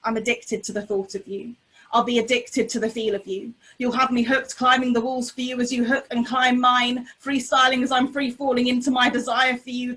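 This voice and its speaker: A woman performs spoken-word poetry in a high voice that stays quite level in pitch. Her delivery is deliberate, rhythmic and intense, like a slam poet on stage at the mic. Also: bright, forceful tone, poor audio. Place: remote online video call.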